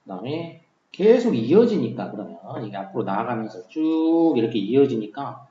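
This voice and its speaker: A man's voice: mid-range voice, sing-song, normal speed, dark tone. A man teaching English vocabulary in a casual, conversational lecture style, with many fillers and key words said twice. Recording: roomy, dull lo-fi sound.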